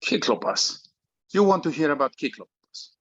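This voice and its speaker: A man's voice: fairly high pitch, expressive, normal speed, a bit bright, dry recording, dull audio. A man playing a heavy-accented Greek dad. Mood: storytelling. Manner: broken English, fond storytelling. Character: Greek immigrant father telling a bedtime story. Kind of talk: table read of a script.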